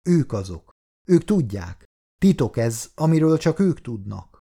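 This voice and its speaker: A man voicing Ellison, a hushed, fragile wife. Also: medium pitch, sing-song, creaky, husky, exaggerated voice. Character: fragile, unstable woman confiding secrets to her husband. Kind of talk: audiobook character reading.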